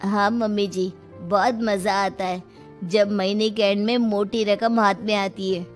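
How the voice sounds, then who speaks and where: A woman's voice: mid-range voice, steady tone, a little slow, soft background music, natural voice. A woman voicing a lazy, food-loving young son-in-law in a moral story cartoon, pleading and boastful. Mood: proud.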